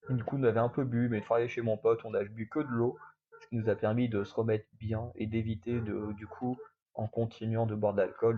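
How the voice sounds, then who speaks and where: A man's voice: mid-range voice, dull audio. Young French man rambling through a story. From France. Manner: rambling, many fillers and restarts. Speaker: vlogger. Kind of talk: casual storytelling to camera.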